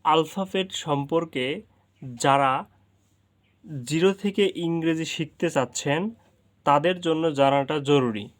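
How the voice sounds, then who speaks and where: A man teaching an English lesson, saying each letter slowly and repeating it so learners can drill along. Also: fairly high pitch.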